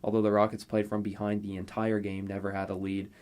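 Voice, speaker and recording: Low guy breaking down nba games, calm and analytical, goes into detail. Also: fast, clear, resonant tone. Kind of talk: sports analysis chat.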